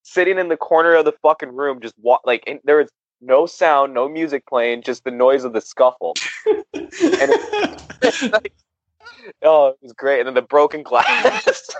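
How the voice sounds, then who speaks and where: A man's voice: fairly high pitch, a little slow, no echo. A man casually telling a wild story on a podcast, swearing constantly and laughing often. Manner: profane, laughing, animated storyteller.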